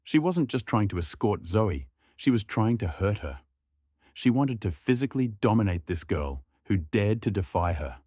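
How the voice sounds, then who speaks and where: A man narrating a dramatic story in a steady, measured scripted delivery. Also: fairly low pitch, husky, no room sound, studio quality.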